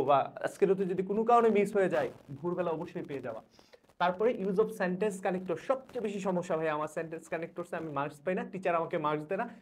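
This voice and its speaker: A young man from Bangladesh, an English teacher giving rapid exam advice to students, repeating instructions urgently. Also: high voice, a little mellow. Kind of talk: exam suggestion lesson.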